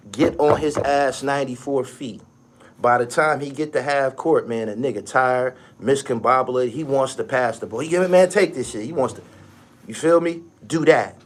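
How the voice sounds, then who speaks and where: A middle-aged man hosting a basketball podcast, ranting bluntly with lots of swearing and sudden loud, high outbursts. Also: slight background noise. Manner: animated, blunt, swears a lot, rising to shouted outbursts. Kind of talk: profane basketball rant.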